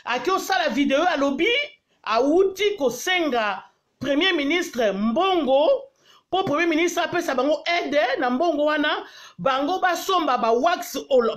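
A Congolese woman vlogger ranting angrily on a live stream, mixing French with her native tongue and pleading repeatedly for viewers to share. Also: high-pitched. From Congo (DRC). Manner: angry, repetitive pleading to share. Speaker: diaspora vlogger.

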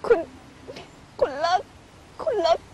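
A woman's voice: slow pace, darkish tone, slight background noise, lightly acted. An actress playing an indignant young woman who fakes a pregnancy and scolds the men around her. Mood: tearful. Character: fiery young woman faking pregnancy, demanding. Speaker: woman pretending to be pregnant wife. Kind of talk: television drama acting. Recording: drama with music underneath.

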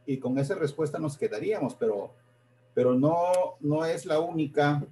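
A man lecturing on history over a live stream, his voice a little high for a man yet dark and mellow in tone. He talks in halting stretches, doubles back on words and corrects himself mid-sentence. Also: slight background noise. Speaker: history presenter.

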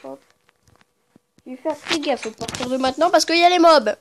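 A woman's voice: sits high, normal speed, a little hiss or hum. A woman giving casual commentary on her game, muttering to herself and the creatures, then breaking into startled yelps and swearing. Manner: chatty with viewers, talks to the game creatures. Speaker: let's play gamer.

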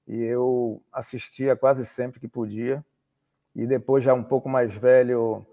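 A man from Salvador, Bahia, Brazil, has a deep, hoarse voice that also comes across as mid-range, gravelly and warm. An oceanographer, he tells stories in a relaxed interview over video call from a home room with shelves, hesitating and repeating words as he recalls things.

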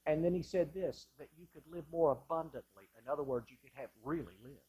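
A male pastor delivering an impassioned sermon in a church sanctuary, moving between loud bursts and hushed lines. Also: a little high, brisk.

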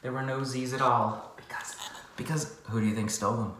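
A man, a children's book author, reading his picture book aloud in a playful, animated way with jokey asides. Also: medium pitch, fairly quick, slight background noise. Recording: very echoey room.

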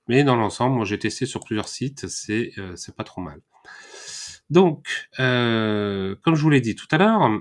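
Hesitant French-speaking man, low voice. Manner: hesitant, many "euh" fillers and restarts. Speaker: WordPress tutorial host. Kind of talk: casual screen-recorded tutorial.

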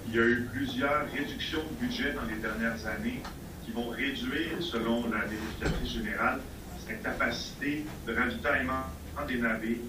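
A man asks his question over a call-in line that keeps buffering and breaking up, so his words stutter and arrive in broken pieces. He sounds far away in a roomy space, with a steady hiss of noise behind him. His voice sits at an ordinary pitch. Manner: halting, broken into fragments with repeated words. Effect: choppy, buffering connection that breaks up. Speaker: reporter calling in. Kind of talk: press conference question over a phone line. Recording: distant, echoey, noisy call-in line.

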